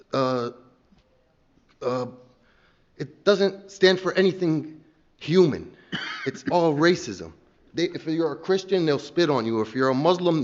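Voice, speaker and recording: A man from the United States speaking heatedly during public comment at a city council meeting, emphatic and sometimes halting. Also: fairly high pitch, highs cut off. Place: council chamber.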